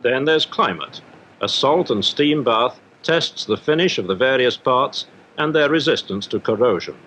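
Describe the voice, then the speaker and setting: This British-accented man speaks as an industrial correspondent in a 1950s newsreel, reading a formal scripted report that explains its subject. His medium-pitched voice is fairly bright, with lively intonation and a moderate pace. Music plays under the dull soundtrack, along with slight background noise.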